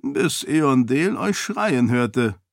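A wry old duke, as a male narrator puts him on, drawling his words with amused slyness in a higher, lifted voice. The storybook reading sounds close and dry, with no room around it. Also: big pitch swings, vocal fry, no echo, exaggerated voice. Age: older. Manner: slow, teasing, drawn-out speech.

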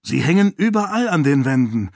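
A man voicing a calm, wry male companion who speaks in a slow, matter-of-fact way, in an audiobook. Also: fairly high pitch, creaky, no echo, clean studio sound, pitched above the performer's own voice, exaggerated voice.

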